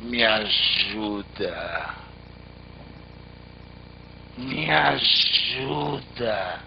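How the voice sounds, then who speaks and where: A man voicing a dying tree that pleads slowly in a low, hoarse voice. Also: heavily acted. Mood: moaning plea. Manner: slow, low, drawn-out pleading. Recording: slightly muffled, faint background noise.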